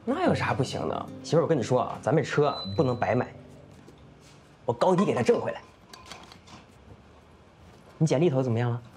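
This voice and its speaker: An eager, sheepish husband. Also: male voice, medium pitch, very animated, a little fast, pauses often, darkish tone. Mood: upbeat. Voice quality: pleading and repetitive when apologizing. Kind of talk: short drama acting. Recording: music bed under the dialogue.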